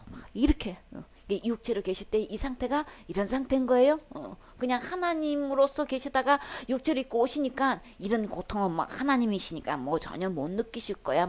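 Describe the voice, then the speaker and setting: A woman's voice: on the high side, darkish tone. A woman with a Seoul Korean accent preaching a sermon, emphatic, often asking the congregation questions and using many fillers.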